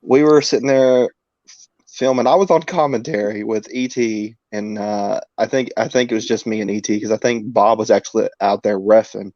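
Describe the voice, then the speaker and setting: A man's voice: on the low side, fairly even intonation, moderate pace, a little mellow, no room sound, muffled recording. A man in his twenties hosting a casual chat, telling anecdotes and laughing through them. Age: 20s. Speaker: podcast host.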